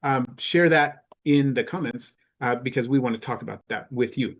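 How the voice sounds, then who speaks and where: A man giving a conference presentation to teachers, explaining in a measured way with frequent filler pauses. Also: mid-range voice.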